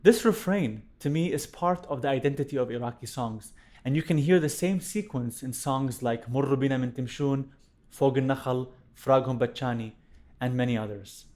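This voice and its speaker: A man's voice: mid-range voice, moderate pace, a little mellow. Young man explaining music to camera. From Iraq. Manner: clear, explanatory, chants rhythm syllables in time. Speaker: violinist and music teacher. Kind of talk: scripted music lesson to camera. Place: indoor studio room with plant. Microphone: studio condenser mic on stand.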